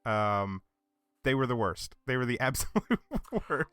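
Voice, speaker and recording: A man co-hosting a casual podcast, relaxed and laughing as he recaps. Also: mid-range voice, unhurried, clear, resonant tone, dry recording, faint music behind. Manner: relaxed, hesitant fillers, laughs. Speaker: podcast co-host. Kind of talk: casual chat, recapping a film.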